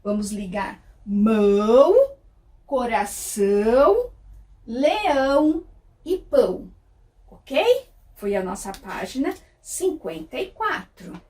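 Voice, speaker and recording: A woman's voice: fairly high pitch, big pitch swings, takes it slowly, a little mellow, recorded from a distance. A Brazilian woman teaching small children in a sing-song voice, stretching out words and asking questions that she answers herself. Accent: Brazilian Portuguese. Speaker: kindergarten teacher.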